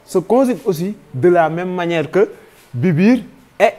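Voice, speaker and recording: A man's voice: high voice, lively intonation, moderate pace, warm tone. A man with a Senegalese French accent teaching a grammar lesson, patiently spelling out verb forms one by one.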